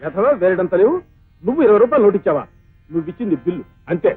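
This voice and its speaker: A man's voice: high voice, very animated, husky, soft background music, exaggerated voice. An actor playing an irritable male hotel cashier who accuses a boy of lying. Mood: scolding. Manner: brusque, scolding, rapid talk. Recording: tinny lo-fi film audio.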